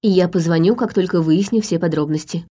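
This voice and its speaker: A woman reading as a brisk policewoman. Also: fairly low pitch, dark tone, slightly rough. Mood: businesslike. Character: brisk female police officer, businesslike.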